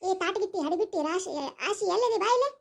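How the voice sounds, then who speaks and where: A woman voicing a scheming, quarrelsome stepmother with a North Karnataka accent in a cartoon. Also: quick pace. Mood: defensive. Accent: North Karnataka Kannada. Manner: shrill, defensive, name-calling.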